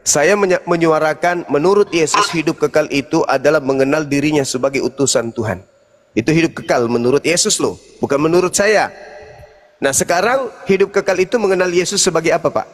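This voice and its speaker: Man, heated debater, forceful and insistent, slightly high voice, long echo on the line. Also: brisk, a little hiss or hum. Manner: forceful, repetitive, raises voice to a shout.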